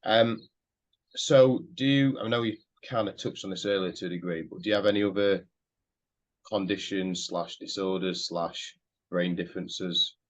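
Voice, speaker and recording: A man hosting a podcast, talking casually and hesitantly, thinking aloud with many pauses. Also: low voice. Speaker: podcast host. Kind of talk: casual conversational interview. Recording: slightly dull lo-fi audio.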